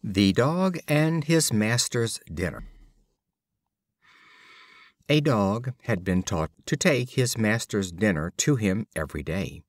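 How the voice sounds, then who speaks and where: An audiobook reader narrates short fables in an expressive, deliberate storytelling style. His voice sits on the low side, with no room sound.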